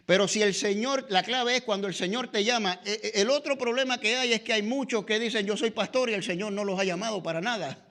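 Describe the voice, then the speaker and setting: A man's voice: high voice, fairly quick, pushed and bright. A middle-aged man with a Latin American Spanish accent teaching a church discipleship class, conversational, often tagging lines with "¿verdad?" and "eh". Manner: conversational, frequent "¿verdad?" and "¿no?" tags, filler "eh". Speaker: Bible teacher.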